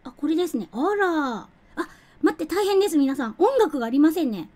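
Streaming a cooking game, a young woman chats casually, giggles, and thanks viewers as she plays. Her voice is high-pitched and darkish, with big pitch swings and a brisk pace.

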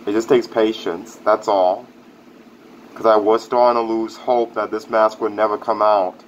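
A man's voice: fairly low pitch, flat delivery, moderate pace. A man speaking through a face mask in a casual, rambling vlog review, upbeat and repeating himself. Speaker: product reviewer. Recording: dull lo-fi audio with faint air conditioning hum.

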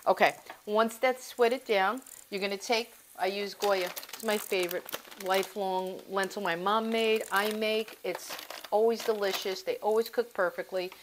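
A woman's voice: mid-range voice, fairly even intonation, normal speed, noisy background. A woman chatting casually in her home kitchen as she shows how to cook. She rambles and confides in her viewers as she goes. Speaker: home cooking vlogger. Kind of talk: casual cooking demonstration.

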